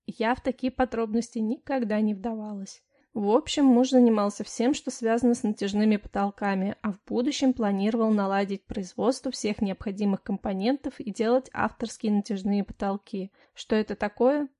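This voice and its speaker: A woman's voice: medium pitch, moderate pace, warm tone. A young woman reading a first-person audiobook story in an ironic, chatty manner. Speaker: audiobook narrator.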